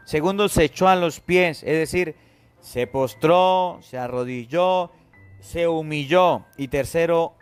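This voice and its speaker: Emphatic priest preaching a homily. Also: male voice, fairly high pitch, clean tone. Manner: emphatic preaching, calls listeners to attention, acts out quoted pleas. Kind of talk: gospel homily. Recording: faint music behind.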